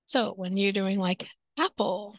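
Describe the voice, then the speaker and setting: A woman's voice: medium pitch, measured pace, dry recording, muffled recording. A native English-speaking woman who teaches English online, chatting casually to camera with tips. She acts out classroom exchanges and sometimes drops into whispered asides.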